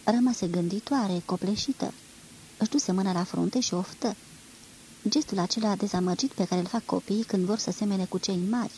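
A woman reading a literary novel aloud in a measured, expressive storytelling manner. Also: medium pitch, a little hiss or hum, low-quality recording. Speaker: reader.

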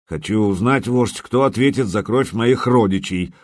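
A man's voice: fairly low pitch, normal speed, darkish tone, no room sound, clean studio sound, close to an everyday voice. A man voicing a grim warrior who speaks gloomily and distrustfully. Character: grim male warrior seeking blood justice.

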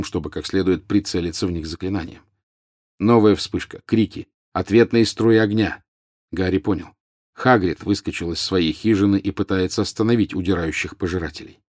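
A man reads a fantasy audiobook with tense, urgent drive. His voice is low and the recording close and dry. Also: darkish tone, no room sound. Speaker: audiobook narrator. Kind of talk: dramatic audiobook narration.

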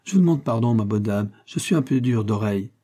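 A man's voice: on the low side, expressive, brisk, mellow. A man voicing a cunning older police inspector who pretends to be a humble, hard-of-hearing uncle. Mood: courteous. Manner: feigned humble politeness, sly muttered asides.

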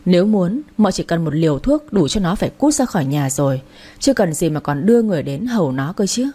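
Low, mellow woman narrating a story. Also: very animated, brisk. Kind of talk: storytelling narration of a romance novel.

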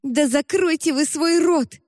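A woman's voice: high voice, a little slow, no room sound, studio quality, pitched above the performer's own voice. A woman voicing a desperate teenage girl. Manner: pleading and shouting.

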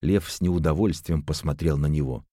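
Give me a male audiobook narrator with a deep, dark voice. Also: moderate pace, dry recording, studio quality. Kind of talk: scripted narration.

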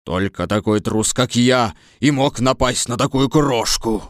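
A man's voice: mid-range voice, unhurried, no room sound, studio quality, natural voice. A man voicing a huge, timid, tearful male lion in a dramatized storybook reading, bashful and self-pitying. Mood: sheepish.

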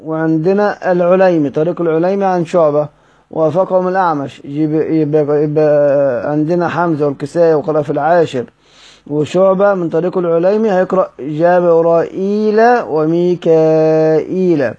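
A man with an Egyptian accent teaching a lesson on Quranic readings, halting and drawing out each word form slowly. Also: a little high, fairly even intonation. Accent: Egyptian Arabic. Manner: halting, restarts words, drawls out the names of readings slowly. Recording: dull lo-fi recording.

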